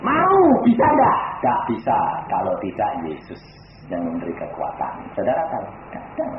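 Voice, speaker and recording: An older man preaching a sermon, swinging from quiet low asides to loud emphatic passages. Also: lively intonation, fairly quick. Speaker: evangelist preacher. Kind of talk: sermon with anecdotes. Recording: echoey, tinny phone-like, noisy recording.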